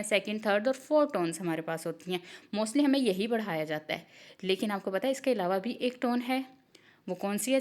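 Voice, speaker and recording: Woman teaching a Chinese lesson. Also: medium pitch. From Pakistan. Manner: mixes Urdu with English terms, explains step by step; reads English rule lines slowly and deliberately. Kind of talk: online language lesson.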